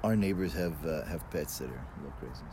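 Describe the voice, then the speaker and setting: Deep-voiced man telling fireside stories. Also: fast talker, mellow. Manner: colloquial, mild swearing. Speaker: guest telling personal stories. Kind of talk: fireside storytelling, casual and conversational. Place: outdoors in a backyard. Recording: noisy outdoor ambience with vehicle sounds.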